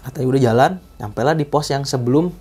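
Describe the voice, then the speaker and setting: A man's voice: mid-range voice, fast talker, a little mellow, breathy edge. A young man, casually telling a true spooky hiking story and acting out the quoted dialogue in slang.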